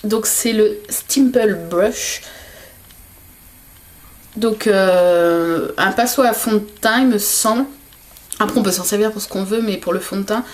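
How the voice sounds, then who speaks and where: A woman vlogger unboxes gifts while chatting casually, hesitant and full of fillers. Her voice is medium pitched, with a measured pace and long pauses.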